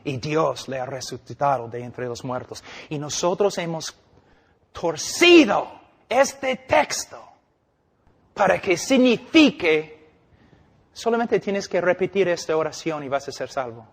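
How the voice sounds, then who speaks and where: An older man preaching a sermon as a missionary, emphatic, with dramatic pauses and acted-out quotes. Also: on the high side, lively intonation. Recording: long hall reverb.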